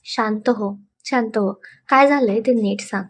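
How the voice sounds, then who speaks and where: A woman's voice: a little high, a little slow, husky. A woman doing a protective young fiancé. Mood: soothing. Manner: urgent, pleading then soothing. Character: young man, devoted fiancé, protective and hot-tempered.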